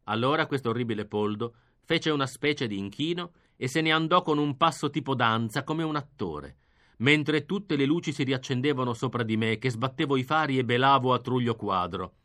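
A man reading an audiobook, narrating in a lively, expressive first-person style. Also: medium pitch, moderate pace. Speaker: reader.

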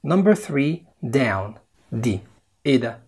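A man's voice: mid-range voice, big pitch swings, slow pace, a little mellow, husky. A young man with an Egyptian Arabic accent teaching an English lesson on video, explaining step by step and repeating each word twice.

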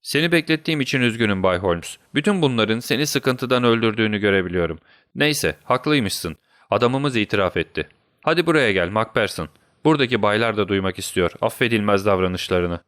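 A man's voice: fairly low pitch, expressive, fairly quick, fairly bright tone, dry recording, clean studio sound. A man voicing a smug, self-satisfied police inspector who talks in a boastful, patronizing way in a storybook reading. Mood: gloating.

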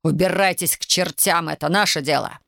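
A woman reading an audiobook, voicing an angry, harsh father who shouts at his daughter. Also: fairly low pitch, moderate pace, gravelly, no echo, studio quality. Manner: barking, shouting.

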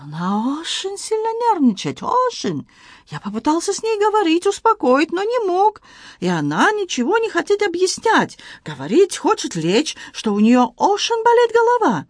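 A man's voice: extremely high pitch, wildly swooping pitch, moderate pace, no echo, clean studio sound, pitched above the performer's own voice, heavily acted. A woman reading an audiobook, voicing an eager, kind-hearted Frenchman who speaks in broken phrases with a French accent. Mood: eager, flustered. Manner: broken grammar, eager, hasty. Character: flustered kind-hearted Frenchman, adult man. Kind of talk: audiobook character voice.

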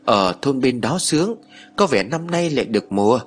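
A man voicing an earnest young wife who pleads and frets, as an audiobook narrator with a husky voice. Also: mid-range voice, sing-song, moderate pace, faint music behind. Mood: worried.

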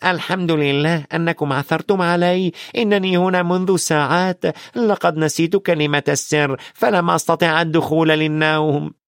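A man's voice: a little high, fairly even intonation, normal speed, clear, resonant tone, no echo, clean studio sound, pitched above the performer's own voice, close to an everyday voice. A man voicing a timid, frightened schoolboy who pleads not to be left behind, for an audiobook. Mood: relieved. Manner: pleading, fearful.

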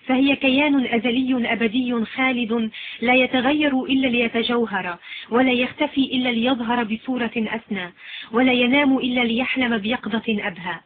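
A woman voicing a calm, certain female mystic, reciting slowly and solemnly. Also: on the high side, a little hiss or hum, natural voice. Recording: lo-fi phone-like sound.

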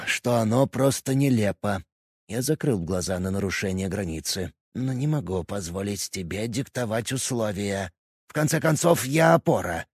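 A man reads a proud leader of a martial school in a fantasy audiobook, stern and unyielding. His voice is husky with lively pitch. The recording is dry and close. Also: dry recording.

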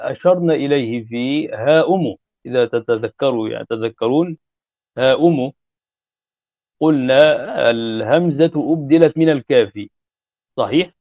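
A man giving a classroom grammar lecture, repeating and spelling out word forms deliberately. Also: medium pitch, no echo. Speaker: grammar teacher. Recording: dull lo-fi recording.

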